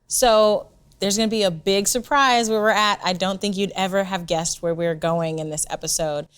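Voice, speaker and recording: A woman co-host chatting casually and excitedly. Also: mid-range voice, moderate pace, smooth. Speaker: co-host and street interviewer. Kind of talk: excited casual chat and presenting.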